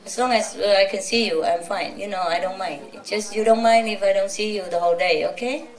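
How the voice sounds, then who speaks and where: A woman's voice: mid-range voice, a little fast. A woman spiritual teacher giving an informal, chatty talk to a gathering, teasing and laughing often. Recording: roomy, from a distance.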